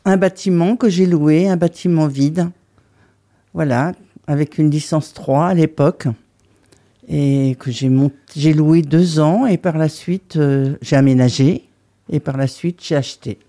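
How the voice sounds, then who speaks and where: A woman's voice: deep voice, measured pace, mellow. A woman in her seventies from the Breton coast, a crêperie owner answering interview questions in short, plain replies. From Brittany coast, France. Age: 70s. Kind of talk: radio interview.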